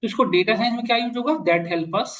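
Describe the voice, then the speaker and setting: Male teacher, highish voice, dictates notes slow and repeats stuff, hindi with english bits. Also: fairly bright tone, low-quality recording. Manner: mixes Hindi with English phrases, repeats key lines while dictating. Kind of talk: classroom lecture. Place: classroom with online students.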